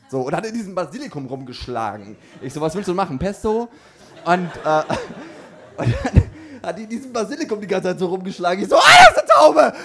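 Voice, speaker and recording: A man performing a live stand-up routine with a voice pitched a little high for a man. He rambles through his story with constant fillers and restarts, chats directly with the audience, and breaks into loud shouts when a punchline lands. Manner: banters with the audience. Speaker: stand-up comedian.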